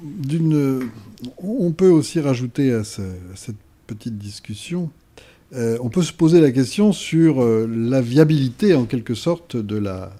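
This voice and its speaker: A man hosting a political talk, with a mellow, dark voice. He hesitates often and keeps pressing his point when interrupted. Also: mid-range voice, animated, a little slow. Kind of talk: political discussion.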